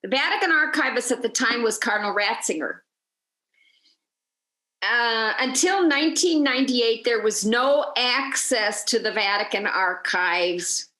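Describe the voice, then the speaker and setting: A woman's voice: fairly high pitch, measured pace, reverberant. A woman guiding a virtual tour, telling a story with energy and acting out the people she quotes. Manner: lively storyteller, acts out quoted voices. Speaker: tour guide.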